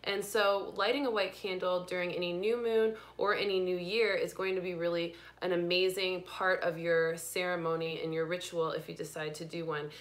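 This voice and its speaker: A young woman with a fairly low voice hosts a live spiritual card reading. She talks gently and without hurry, greeting viewers and guiding them through the new year's energy. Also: level tone, moderate pace, hardly any pauses. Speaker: intuitive reader and livestream host.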